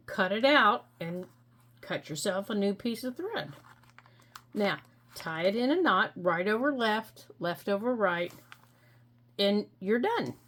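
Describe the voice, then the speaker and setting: A middle-aged woman hosting a crafting tutorial, explaining each step gently and patiently with frequent ums. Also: mid-range voice. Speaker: crafting channel host.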